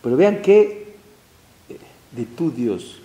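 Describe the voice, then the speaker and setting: Man, rabbi, lively rising voice, echoey room. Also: medium pitch, takes it slowly, muffled recording. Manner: animated, emphatic, mixes in Hebrew phrases. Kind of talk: religious lesson. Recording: roomy echo.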